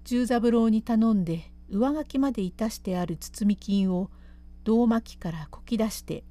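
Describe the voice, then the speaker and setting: A woman storyteller narrating a classic rakugo-style tale in a measured, traditional way. Her voice runs a little high, with a dark, mellow tone.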